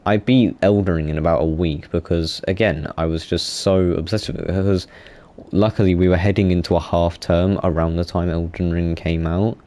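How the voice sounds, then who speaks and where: Very deep-voiced young man rambling. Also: steady tone, moderate pace, dark tone. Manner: rambling, self-correcting, many fillers. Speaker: gaming YouTuber. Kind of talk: casual gaming monologue.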